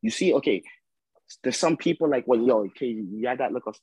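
A man's voice: medium pitch, animated, a little fast, darkish tone, slightly rough, no echo, rough recording. A young man in casual sports banter, speaking in a slangy, emphatic, argumentative way as a panelist.

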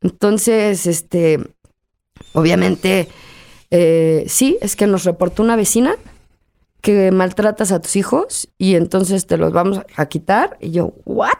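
A woman's voice: lowish voice, slow pace, gravelly, warm tone. A middle-aged woman with a Mexican accent, a guest in an interview, telling a personal story candidly and emotionally, acting out the dialogue as she goes.

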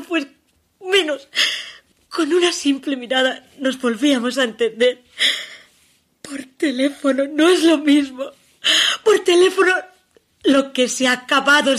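An actress playing a heartbroken woman on the phone. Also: high voice. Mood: wistful. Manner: emotional, halting, shifting between hushed pleas and urgent outbursts. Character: desperate woman pleading with her departing lover by phone. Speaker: stage actress. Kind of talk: theatrical monologue.

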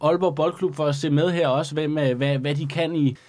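A man's voice: fairly high pitch, fairly even intonation, darkish tone. A man co-hosting a tabletop football game, setting scenes like a sports commentator. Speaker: co-host, match narrator. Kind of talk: play-by-play game narration.

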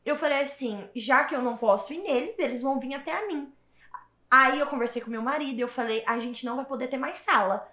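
A woman, telling her story as an interview guest in an animated, emphatic way and repeating words for stress. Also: high voice, fast. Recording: roomy echo.

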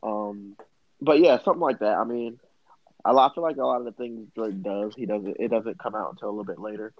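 A man's voice: fairly low pitch, fairly quick, no room sound, highs cut off. A man co-hosting a podcast, talking about rap in a laid-back, joking way. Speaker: podcast co-host. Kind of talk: casual hip hop debate.

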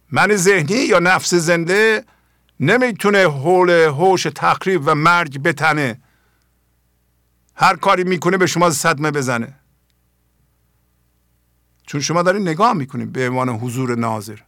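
An older man, a spiritual teacher hosting his own program, gives an earnest talk on poetry and puts many pointed questions to his listeners. His voice is a little high and sharp-toned, captured with clean studio sound and no echo.

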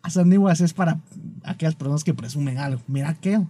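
A man's voice: a little high, fast, dark tone. A man from Guatemala with a Guatemalan Spanish accent, co-hosting a casual podcast in a playful, joking way. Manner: playful, laughs often. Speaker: podcast co-host.

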